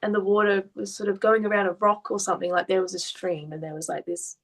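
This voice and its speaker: Gentle woman art therapist. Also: medium pitch, level tone, quick pace, poor audio. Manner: gentle, questioning, explains meanings. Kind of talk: therapy session conversation.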